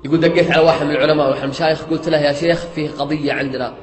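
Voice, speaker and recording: A man preaching with a high voice and a rapid, dramatic delivery. He retells a story in a sermon, swearing oaths and repeating "he says" as he goes. The room is echoey, with faint music underneath. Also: level tone.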